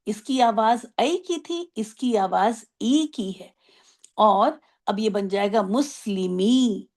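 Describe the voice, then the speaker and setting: A woman teaching an online Arabic grammar class, explaining patiently, asking if everyone follows, and drawing out example words slowly. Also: mid-range voice, a little mellow. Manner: explains patiently, asks checking questions.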